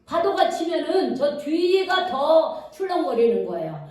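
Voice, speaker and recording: This woman preacher's voice sits high with a darkish tone, very animated and a little slow. Giving a sermon in a church sanctuary, she narrates a story vividly while quizzing the congregation, captured from a distance in an echoey hall.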